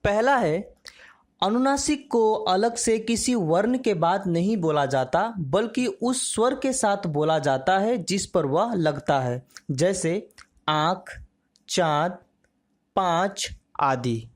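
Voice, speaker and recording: A woman teaching a grammar lesson, slow and measured, drawing out each example word. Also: mid-range voice, animated.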